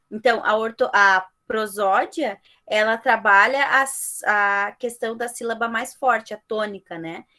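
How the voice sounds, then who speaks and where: A woman's voice: fairly high pitch, a bit bright. A woman teacher giving an online class lecture over a video call, often ending phrases with "tá?" and "né?" to check in with students. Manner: ends phrases with frequent "tá?" and "né?" checks.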